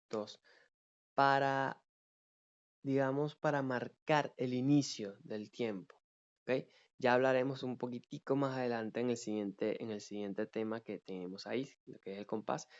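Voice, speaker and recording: A man teaching an online music theory lesson. He explains patiently, counts beats aloud and keeps checking in with a quick "ok?". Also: mid-range voice, a little mellow, dull audio.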